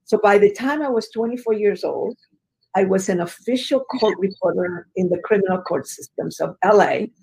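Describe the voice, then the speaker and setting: A woman guest from Chile recounts her life in an interview, with earnest emphasis and casual fillers. Her voice has a gravelly, creaky edge at a middle pitch. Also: normal speed, dark tone, rough recording. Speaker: guest, business educator. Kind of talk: conversational storytelling interview.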